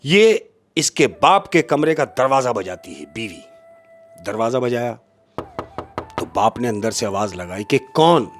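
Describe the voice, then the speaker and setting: A man telling a comic story as a podcast guest, in an expressive way and often turning to the host. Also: medium pitch, a little slow, music in the background.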